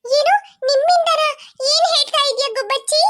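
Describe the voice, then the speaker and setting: A woman's voice: very high-pitched, moderate pace. A woman voicing a small, tender-hearted cartoon youngster who pleads and chants spells to call a jinn. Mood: sad. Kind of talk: cartoon voice acting. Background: children's music.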